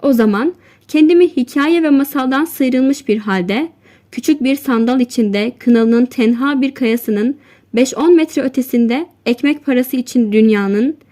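A woman narrating a literary short story in a slow, measured reading voice. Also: high voice, warm tone. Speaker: audiobook narrator. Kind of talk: scripted narration.

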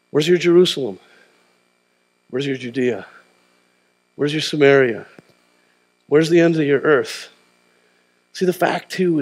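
In a fairly high voice with a darkish tone, a middle-aged pastor gives a sermon in a large church auditorium, walking the stage as he goes. He works the crowd call-and-response style, prodding with questions like "huh?"

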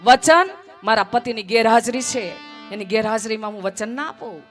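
Woman doing a poor devoted wife, earnest, insistent, fairly high voice, faint music. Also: normal speed, natural voice.

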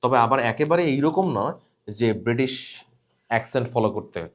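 A man leads a live coaching class for aspiring cabin crew. He explains things plainly and corrects his students directly, at an ordinary male pitch. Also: expressive, fairly quick. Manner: instructive, corrects students directly, demonstrates readings.

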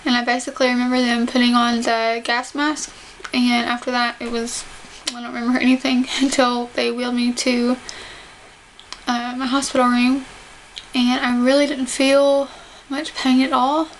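A young woman chats to camera in a home recording with faint background noise. Her voice is high but stays flat in melody. She articulates carefully with limited jaw movement. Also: normal speed. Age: young adult. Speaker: vlogger describing surgery recovery. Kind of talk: casual talk to camera. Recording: noisy home camera audio.

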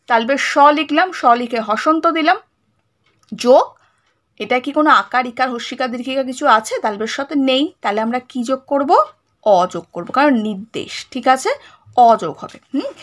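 A woman teaches a primary-school lesson in a high voice. She breaks each word into its letters step by step. She stops often to check that the children follow. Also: a bit bright. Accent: Bengali. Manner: patient step-by-step spelling of letters, repeated check questions.

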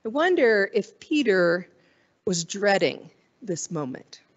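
A woman's voice: medium pitch, very animated, takes it slowly, lo-fi sound. A woman pastor giving a sermon in a conversational way, wondering aloud and acting out the quoted voices.

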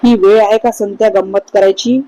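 A woman voicing a joking young flatmate. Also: mid-range voice, normal speed, dry recording, lightly acted, poor audio. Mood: teasing. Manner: easygoing, joking. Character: young man, calm, teasing flatmate.

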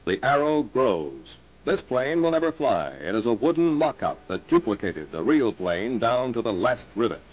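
A man's voice: medium pitch, sing-song, normal speed, hardly any pauses. A man giving scripted narration for an old 1950s newsreel, in a dramatic announcer delivery. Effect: old newsreel recording. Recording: dull lo-fi sound with faint hiss.

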